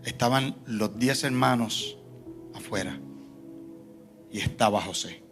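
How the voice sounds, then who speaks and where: A male pastor preaching a sermon in a church, shifting between soft low asides and loud emphatic lines. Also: takes it slowly, over music. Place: church sanctuary.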